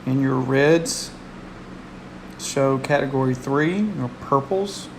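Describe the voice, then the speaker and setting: A man's voice: mid-range voice, takes it slowly, gravelly, a little hiss or hum. A man giving casual live weather commentary as a streamer, repeating phrases for emphasis.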